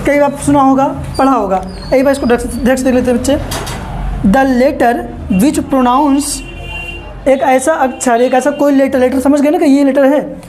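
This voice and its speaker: A woman with a high, mellow voice teaches children the basics in a patient classroom manner. She repeats each point, asks quick check questions and drops English terms into her explanations. Faint room noise sits behind her. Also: steady tone. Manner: patient explaining, keeps calling listeners "kids", repeats and quizzes.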